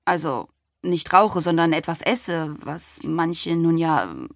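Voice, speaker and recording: A woman's voice: deep voice, expressive, takes it slowly, vocal fry, dry recording, studio quality, exaggerated voice. A woman voicing a smug male celebrity chef.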